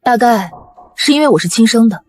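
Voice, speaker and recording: A young actress playing a proud, sharp-tongued heiress who talks in a cool, cutting, self-assured way. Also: female voice, a little high, lively intonation, brisk. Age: young adult. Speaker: lead actress. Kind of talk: short drama acting.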